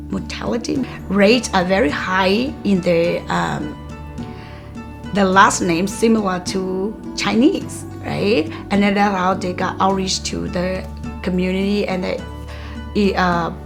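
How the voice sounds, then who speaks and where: A woman originally from Myanmar, whose first language is Karenni, answers interview questions as a community health worker. Her mid-pitched voice has a noticeable gravelly fry, and her measured delivery is broken by frequent "um" and "like" pauses. Soft music plays faintly underneath.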